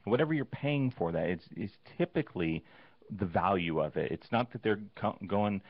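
Low gravelly man hosting a chat. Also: normal speed, no room sound. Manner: animated storytelling, many restarts. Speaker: show host. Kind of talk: casual interview chat. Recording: dull lo-fi sound.

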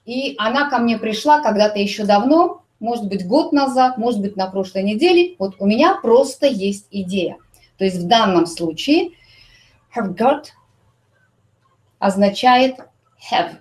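A woman teaching an English grammar lesson, explaining slowly and repeating English example sentences. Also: medium pitch, darkish tone.

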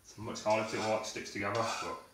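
Recording a video diary in his small kitchen, a young man who vlogs about fitness rambles casually with many fillers, speaking quickly in a lowish, completely flat voice. A far-off camera mic picks him up amid noise and kitchen echo.

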